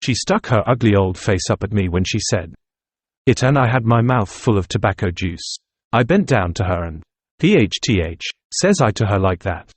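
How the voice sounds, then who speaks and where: Brief: wry middle-aged rebel raconteur, read by a man, lowish voice, dry booth. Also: lively intonation, moderate pace, husky, dry recording. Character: stubborn middle-aged Irish nationalist man telling a tale.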